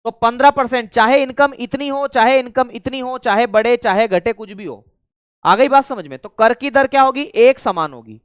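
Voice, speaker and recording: A male teacher runs an online exam-prep class, going over key phrases again and again so they stick. He keeps turning to his students with chatty asides. His voice is smooth and resonant, and the recording sounds dry and close. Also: extremely high pitch, no room sound. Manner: repeats key phrases slowly to drill them in; addresses students directly and often, chatty asides.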